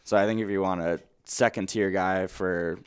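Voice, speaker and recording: A man co-hosting a casual fantasy football chat, agreeable and quick to chime in. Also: sits low, steady tone, smooth, dry recording, clean studio sound. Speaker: podcast co-host.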